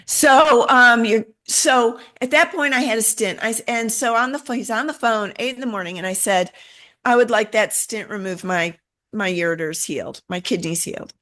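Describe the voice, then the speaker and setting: A middle-aged woman shares a personal story in an interview. She talks in an animated way, taking on the voices of the people she quotes as she goes. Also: a little high, normal speed. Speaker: interview guest.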